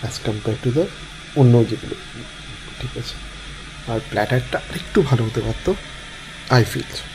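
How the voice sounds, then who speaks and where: A man's voice: medium pitch, low-quality recording. A man vlogging in casual chat, talking straight to his viewers from indoors. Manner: chatty, addresses viewers directly. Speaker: travel vlogger. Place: indoors on a couch at night.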